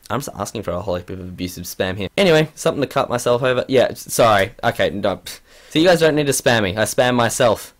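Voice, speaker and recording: A young man in his late teens, rambling and self-deprecating in a casual vlog, often tripping over his words. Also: mid-range voice. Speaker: vlogger.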